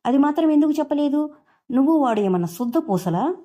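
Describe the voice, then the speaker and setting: A woman's voice: sits high, animated, a little fast, voice pushed up. A woman voicing an angry young husband who scolds his family for wasting his wife's cooking. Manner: scolding, shouting.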